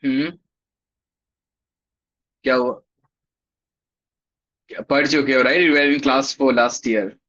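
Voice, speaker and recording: A man's voice: mid-range voice, fairly even intonation, fairly quick, long pauses, a bit bright. A man with an Indian accent teaching a live online class, greeting schoolchildren by name in an upbeat, encouraging, casual way. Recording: dull, lo-fi online class audio.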